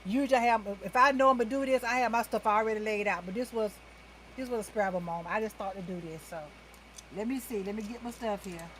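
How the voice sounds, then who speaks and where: Chatty woman with a raised pitch. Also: fast talker, fairly bright tone, slight background noise, poor audio. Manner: chatty, keeps addressing viewers as y'all. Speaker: talk show host doing a makeup livestream. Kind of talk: casual livestream chat. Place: indoors at home.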